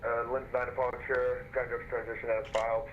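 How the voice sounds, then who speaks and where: Brisk male air traffic controller over headset radio. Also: mid-range voice, level tone. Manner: brisk, procedural. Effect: heard over a pilot headset radio. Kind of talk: clipped radio phraseology on an online flight simulation network. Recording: muffled radio channel with faint noise.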